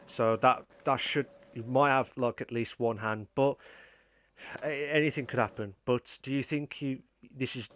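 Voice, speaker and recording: A man with an English Midlands accent hosting a casual post-race interview, speaking in a hesitant, repetitive, rambling way. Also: medium pitch. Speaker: interviewer, league host.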